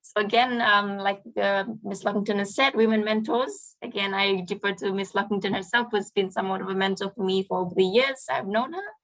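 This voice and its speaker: A woman moderating a panel on an online call in a polite, measured, semi-formal way, summing up points. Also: medium pitch, steady tone, rough recording.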